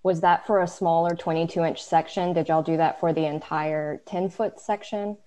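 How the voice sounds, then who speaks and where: A woman's voice: lowish voice, steady tone, normal speed, warm tone. A woman asking unscripted technical questions on a video call. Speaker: audience questioner.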